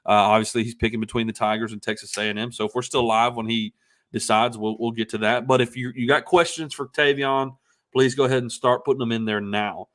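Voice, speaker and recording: Male host, loose and halting, fillers throughout, average pitch. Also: steady tone, a bit bright. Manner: halting, many fillers and restarts. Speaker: podcast host. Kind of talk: casual live-stream chat.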